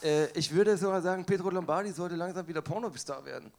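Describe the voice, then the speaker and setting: Guy on a podcast trashing rap videos, sarcastic, a bit high voice, gets loud hyping people up. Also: quick pace, vocal fry. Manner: sarcastic, hype-man shouting to the crowd. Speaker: podcast co-host. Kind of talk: casual podcast banter. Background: audience present.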